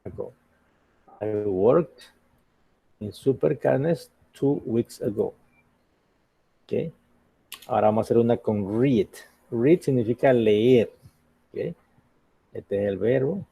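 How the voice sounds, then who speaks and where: A man's voice: mid-range voice, slow pace, gravelly, long pauses, dark tone, breathy edge, rough recording. A man teaching an English grammar lesson in Spanish, patiently asking the class questions and checking in with "ok?".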